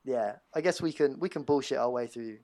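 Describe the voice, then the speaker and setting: A laid-back man co-hosts a casual podcast with wry jokes. His voice is gravelly with frequent creak and sits at a middling pitch. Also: brisk, darkish tone. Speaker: podcast co-host.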